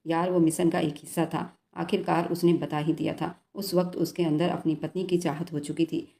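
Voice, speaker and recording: A woman narrating a romantic story in a steady, even reading voice. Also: low-pitched, normal speed, vocal fry.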